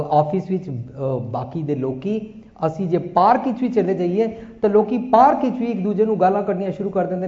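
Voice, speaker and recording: A man's voice: high-pitched, dark tone, reverberant, lo-fi sound. A man giving a Sikh sermon, preaching and reciting scripture, mixing in Hindi and English phrases. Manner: preaching, switching between Punjabi, Hindi and English. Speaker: Sikh religious speaker.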